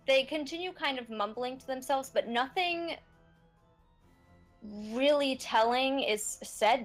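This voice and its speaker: A woman's voice: mid-range voice, fairly bright tone, rough recording. A woman narrating a tabletop game as game master, describing scenes with frequent fillers. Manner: unhurried, descriptive, many fillers.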